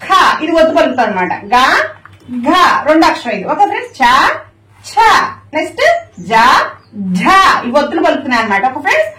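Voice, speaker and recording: A woman's voice: sits high, big pitch swings, very fast, reverberant, slight background noise. A woman teaching Hindi letters to her viewers, who keeps calling them friends and keeps pointing them to what she writes. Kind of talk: lesson in Telugu.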